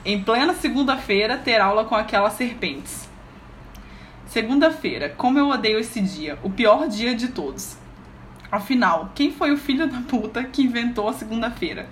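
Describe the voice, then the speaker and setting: A woman's voice: fairly high pitch, expressive, normal speed, a little hiss or hum, close to an everyday voice. A woman with a Brazilian accent reading aloud as an irritable, moody teenage girl witch venting in her diary, grumbling and exasperated. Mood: fed up. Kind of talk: reading fan fiction aloud.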